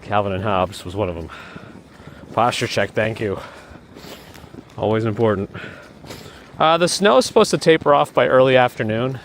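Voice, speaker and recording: A man with a lowish voice walks through a snowstorm, chatting into his phone on a live stream. He wanders from topic to topic and stops to thank viewers. The city around him comes through clearly behind his voice. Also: moderate pace, long pauses, a little hiss or hum. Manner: rambling, thanks viewers by name. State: losing his voice. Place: snowy city streets outdoors in a blizzard. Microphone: handheld phone.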